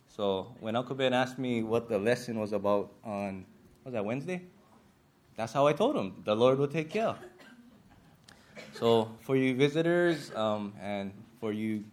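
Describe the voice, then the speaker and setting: A man from Hawaii with a Hawaiian Pidgin-influenced accent, giving a church lesson in an earnest, slightly nervous way with many fillers. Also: mid-range voice. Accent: Hawaiian Pidgin-influenced English.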